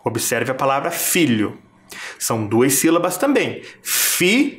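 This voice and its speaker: A primary school teacher gives a televised lesson to fourth graders. The teacher speaks slowly, stretches out syllables to demonstrate their sounds, and keeps asking the viewers rhetorical questions. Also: mid-range voice, animated.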